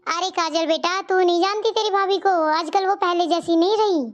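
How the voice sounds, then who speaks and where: A stern middle-aged mother-in-law from a cartoon story, played by a woman, forever nagging her daughter-in-law. Her voice is very high and squeaky, but lower than the others in the cast. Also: steady tone, moderate pace. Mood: scolding. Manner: nagging, accusing.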